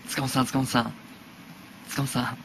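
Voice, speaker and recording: A man's voice: mid-range voice, flat delivery, moderate pace, gravelly, slight background noise, rough recording. A man co-presenting a wake-up prank in a playful reporting style.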